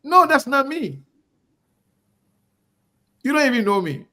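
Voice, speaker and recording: Speaking in a very high, bright voice with a forceful tone, this middle-aged Liberian talk-show host goes slow and sing-song. His online monologue, in a Liberian English accent, is emphatic, repetitive, and cadenced like a preacher's.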